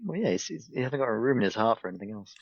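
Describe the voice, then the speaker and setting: A man's voice: medium pitch, animated, rapid-fire, gravelly, dry recording, lo-fi sound. A man co-hosting a podcast, chipping in with casual chat, with chatter and clicking behind him.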